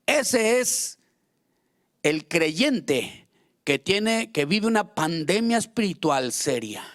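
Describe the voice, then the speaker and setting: A man's voice: high-pitched, big pitch swings, takes it slowly, a bit bright. A man preaching a fervent sermon as pastor, acting out quoted prayers and complaints.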